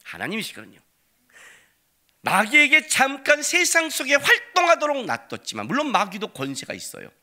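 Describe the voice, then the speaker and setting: A man in his forties preaching a sermon in a church, telling stories animatedly and acting out the people in them with sudden loud outbursts. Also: very high-pitched, normal speed. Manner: animated storytelling, acts out quoted voices with sudden loud outbursts. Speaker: pastor. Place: church sanctuary.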